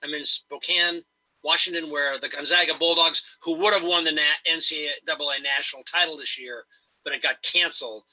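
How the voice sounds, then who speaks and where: Author dude on a video call, really bright forceful voice, pitch a bit high, dry jokes at himself. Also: male voice, fairly even intonation, a little fast, rough recording. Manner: wry, self-mocking, long-winded. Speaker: guest author. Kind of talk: interview over video call. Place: home in Spokane.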